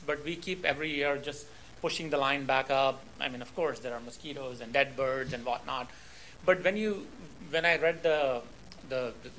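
A man's voice: on the high side, sharp tone, slight background noise, low-quality recording. Rambling resident man at a podium. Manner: friendly, rambling with many fillers. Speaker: resident speaking at hearing. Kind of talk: public hearing comment. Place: town council chamber, standing at podium. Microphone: podium microphone.

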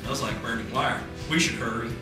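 A man's voice: mid-range voice, a little fast, very echoey, recorded from a distance, over music, close to an everyday voice. A man playing a corny church news anchor. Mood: cheery. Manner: upbeat, jokey, corny patter. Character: cheesy adult male church news anchor.

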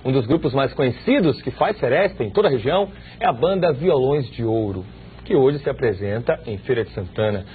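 A man in his thirties interviewing a guest in a TV studio, asking quick, lively questions on a lapel mic. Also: medium pitch, a little hiss or hum. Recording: tinny lo-fi broadcast audio.

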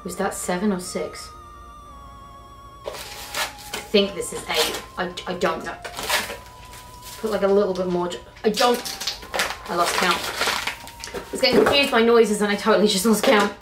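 Medium-pitched at a normal speed, she pauses often as she chats through her cooking vlog. She's a young British woman in her kitchen, rambling and self-mocking over her mistakes, and the recording is echoey with faint music.

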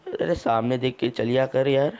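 Guy hosting a game video, teasing and scolding his buddy, mid-pitched voice. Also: normal speed, a little mellow. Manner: teasing, mock-scolding banter. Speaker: gameplay video host. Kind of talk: casual gameplay commentary.

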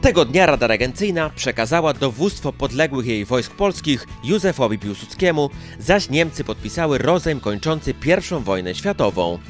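A man's voice: medium pitch, big pitch swings, moderate pace, few pauses. A man reading scripted news narration as the narrator of a local news chronicle. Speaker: newsreel narrator. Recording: music under the voice. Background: background music.

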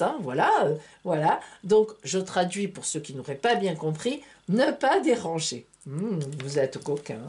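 A woman's voice: mid-range voice, darkish tone. Chatty woman reading tarot. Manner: chatty, playful, full of fillers like hein and voilà. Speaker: tarot reader and astrologer. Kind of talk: casual horoscope reading to camera.

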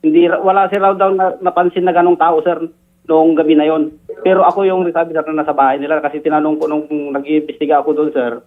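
A man's slightly high voice comes through a tinny, narrow phone line. He reports as a police investigator, halting and searching for words. He adds a deferential "sir" to nearly every phrase. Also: level tone. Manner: deferential, says "sir" constantly, halting with fillers.

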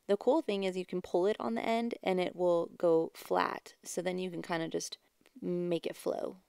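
A woman giving a casual, chatty do-it-yourself voice-over as a craft vlogger, with a creaky yet smooth voice. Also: fairly low pitch, little pitch movement, normal speed, a little mellow, no room sound, clean studio sound. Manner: chatty, informal. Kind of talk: casual DIY voice-over narration.

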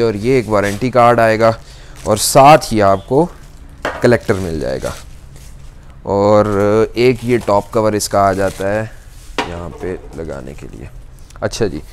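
A young salesman in an electronics store walks through a kitchen appliance step by step, his fairly low voice carrying a little hiss or hum. He's patient, often drawing out "aa" fillers between phrases as he demonstrates the product.

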